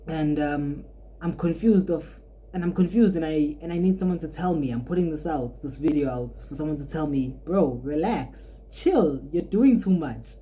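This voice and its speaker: Woman, age 20, podcast host, low voice, very dark tone, rambling, reflective, restarts often. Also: slight background noise. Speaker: podcast host and art student. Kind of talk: casual podcast monologue.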